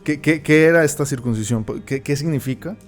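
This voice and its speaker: A man's voice: on the high side, brisk, faint music behind. A man teaching a Bible study. He reads verses aloud, then explains them and keeps checking in with his listeners.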